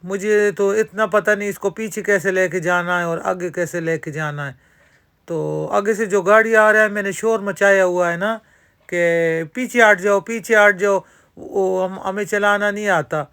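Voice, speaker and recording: A woman's voice: medium pitch, steady tone, a bit bright, clear, resonant tone. A woman narrating a casual vlog from an outdoor amusement park. She talks straight to her viewers and fills her talk with religious phrases. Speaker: vlogger.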